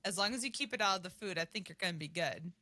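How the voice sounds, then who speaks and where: Woman, podcast host, playful, giggly, casual chat, bright voice, dry close mic. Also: on the low side, animated, fast, dry recording.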